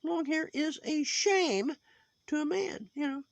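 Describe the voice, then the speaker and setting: A high, reedy sock puppet with a crackly, gravelly edge lectures on and on, moralizing in a judgmental ramble. The sound is dry and close, with no room around it. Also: male voice, slow pace, no echo, heavily acted. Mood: preachy. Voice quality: high put-on voice.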